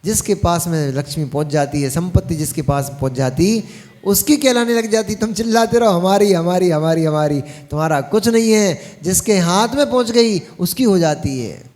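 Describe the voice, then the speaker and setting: High-voiced man preaching. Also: animated, moderate pace, darkish tone. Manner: folksy, addresses the audience directly with teasing asides. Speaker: Jain monk preacher. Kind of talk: sermon.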